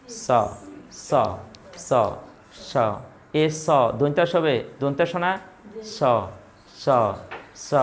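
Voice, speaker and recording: A man's voice: fairly high pitch, a little hiss or hum. A man with a teaching English pronunciation, repeating each word and asking questions then answering them himself. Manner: repetitive call-and-response drilling, asks then answers. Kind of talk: classroom pronunciation drill.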